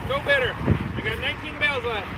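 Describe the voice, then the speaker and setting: A man's voice: very high-pitched, brisk. A man talking in a casual, folksy, plain-spoken way as he helps run an outdoor auction. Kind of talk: casual sale announcements. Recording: very noisy outdoor recording, vehicle noise.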